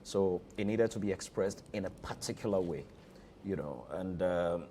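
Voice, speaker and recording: A man with a Ghanaian accent and a deep, dark-toned voice is interviewed as a theatre director. He talks conversationally at a moderate pace, leaning on repeated phrases for emphasis, with slight background noise.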